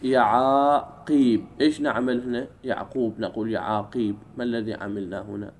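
A man teaching an Arabic grammar lesson in a classroom, drawing out key words slowly and keeping the class engaged with questions. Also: fairly low pitch, a little mellow. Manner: drawls key words slowly, keeps asking "what?".

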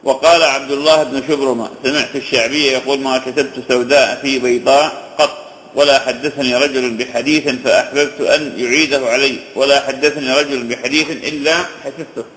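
Fast-talking man teaching in an echoey room. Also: medium pitch, fairly even intonation, fairly bright tone. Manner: recites long chains of names, slows to stress points. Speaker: hadith teacher. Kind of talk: religious lesson on hadith narrators.

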